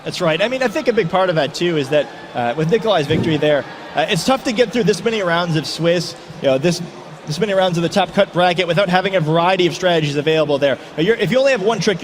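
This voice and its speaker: A man with a high voice provides color commentary at a gaming tournament, quickly and analytically breaking down strategy while using lots of fillers. There's a little hiss or hum on the audio.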